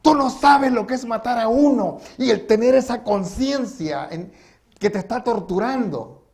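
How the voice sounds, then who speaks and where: A male preacher voicing a guilt-haunted former soldier who pleads and shouts in desperation. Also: medium pitch, expressive, a little slow, lightly acted. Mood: anguished shouting.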